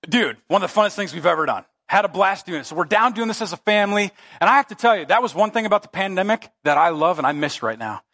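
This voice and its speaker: Man, middle-aged, pastor, emphatic conversational sermon, church, somewhat high voice. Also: expressive, fast talker, few pauses, pushed and bright. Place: church sanctuary.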